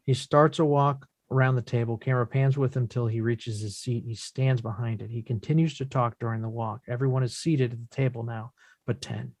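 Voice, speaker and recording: Reading stage directions from a play script, a man speaks in a measured, descriptive way at a middle pitch with fairly even intonation. His tone is darkish, and the recording is dry with very little room sound.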